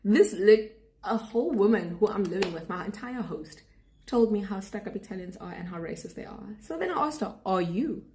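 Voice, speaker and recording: Warm and lively in intonation, a young South African woman with a South African accent rants at a moderate pace in a medium pitch. As a student abroad, she addresses viewers directly, sarcastic and indignant throughout her vlog.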